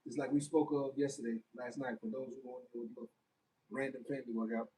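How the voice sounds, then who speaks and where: A man's voice: mid-range voice, fairly even intonation, quick pace, dark tone. Chatty man livestreaming from a distance. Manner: reads out viewer comments and answers them chattily. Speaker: fitness livestreamer. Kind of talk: casual livestream chat.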